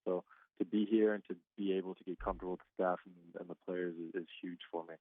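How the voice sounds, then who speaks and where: On a tinny, dry phone line with no room sound, a man of twenty-five speaks fast in a voice that sits low. As a guest baseball player he's easygoing and talkative, laughing frequently.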